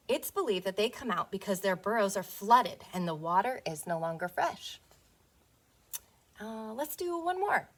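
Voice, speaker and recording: With a medium-pitched voice, a teacher reads a picture book aloud to little kids in a playful, expressive way, frequently putting questions to them.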